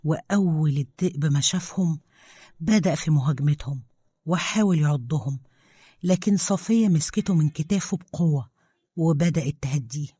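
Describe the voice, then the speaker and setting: A woman with an Egyptian accent narrating a story in a calm, measured way. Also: low voice, breathy edge, no echo, studio quality. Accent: Egyptian Arabic.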